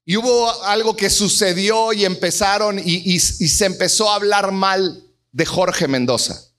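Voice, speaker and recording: A middle-aged man preaching a sermon, telling stories and acting out voices with big swings in pitch. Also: unhurried, fairly bright tone. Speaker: pastor.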